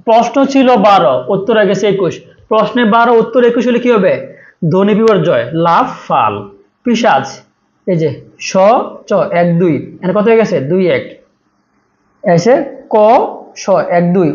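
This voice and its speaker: A man's voice: high-pitched, expressive, normal speed, pauses often. A male teacher giving an exam-prep grammar lecture, repeating points and asking and answering his own questions. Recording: echoey muffled room.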